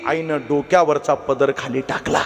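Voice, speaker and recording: In a long, reverberant hall, a man preaches a devotional kirtan sermon, telling a story, repeatedly urging listeners to listen and acting out the characters' voices. His voice is fairly high and steady at normal speed.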